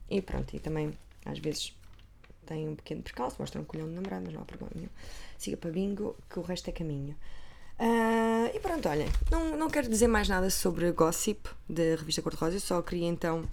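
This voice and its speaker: A woman's voice: lowish voice, vocal fry, a little hiss or hum. A woman with a European Portuguese accent, chatting casually about gossip magazines, rambling and sometimes dropping to a whisper.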